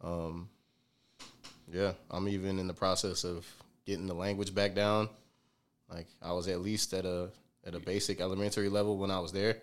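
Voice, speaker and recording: A man's voice: deep voice, flat delivery, moderate pace, clear, resonant tone. A man who is a singer, a guest on a podcast, talking in an easygoing, slangy way with casual swearing.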